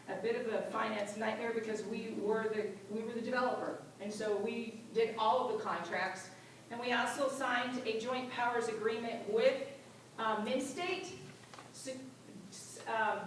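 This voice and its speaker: A woman giving a quick, rambling conference presentation about a regional development project. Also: a little high, a little hiss or hum. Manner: fast, rambling delivery with fillers. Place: large echoey conference room. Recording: very echoey hall, voice from far off.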